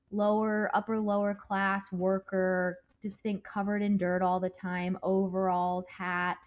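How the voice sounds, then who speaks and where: A woman's voice: medium pitch, darkish tone. A woman teacher going over a novel with her students, chatty, checking in with "okay?" again and again. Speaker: English teacher. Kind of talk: recorded classroom lesson review. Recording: dull lo-fi audio.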